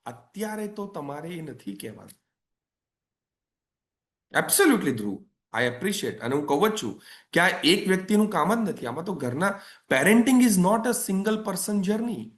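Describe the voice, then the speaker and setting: This is a man running an online parenting session. His voice sits slightly high for a man, and his delivery is chatty and persuasive. He keeps circling back to the same phrases for emphasis. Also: fairly bright tone. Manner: conversational, coaxing, repeats phrases for emphasis. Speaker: parenting coach. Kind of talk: webinar talk.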